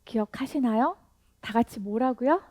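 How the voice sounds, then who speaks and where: A woman teaching an English lesson, coaxing learners to repeat slow, drilled phrases step by step. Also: fairly high pitch, darkish tone, no echo.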